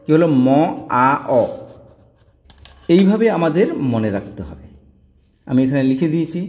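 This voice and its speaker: A man's voice: a little high, warm tone, big-room sound. A man teaching a grammar lesson, drilling word endings aloud and repeating each form. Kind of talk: explaining grammar tables.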